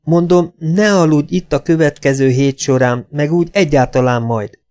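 A man's voice: a little high, darkish tone, voice pushed up, close to an everyday voice. A man voicing a tense grown son who firmly insists to his old mother, in an audiobook. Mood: pleading. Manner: firm, insistent, sometimes pleading. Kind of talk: audiobook character voice.

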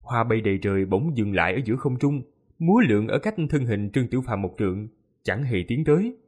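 A man narrating a fantasy novel audiobook with lively, expressive storytelling. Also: medium pitch, brisk, slightly rough.

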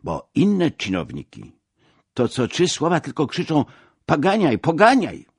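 A man's voice: medium pitch, wildly swooping pitch, unhurried, husky, no echo, studio quality, voice pushed up, exaggerated voice. A man voicing a talkative coach driver with a Russian accent. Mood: mocking. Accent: Russian-flavoured Polish. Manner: talkative, mocking.

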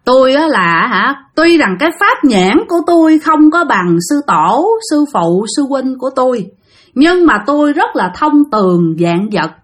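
A woman voicing an old male exorcist master who speaks in slow, unbothered pronouncements while telling a story. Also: high-pitched, sing-song. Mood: boastful.

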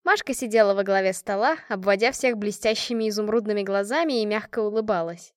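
A woman narrating an audiobook in an even, measured way. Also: medium pitch, no room sound, clean studio sound. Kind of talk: scripted narration.

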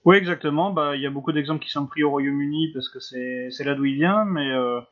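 A man's voice: a little high, brisk. A man in a casual podcast discussion, explaining things hesitantly and politely. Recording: dull lo-fi audio.

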